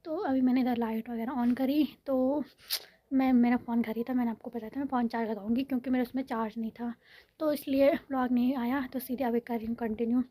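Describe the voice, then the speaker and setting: A woman's voice: on the high side, steady tone, brisk, dark tone, no room sound. Chatty young woman, rambling phone vlog. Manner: rambling, self-correcting, addresses viewers as guys. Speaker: vlogger. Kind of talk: casual chatty vlog monologue. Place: home in a village.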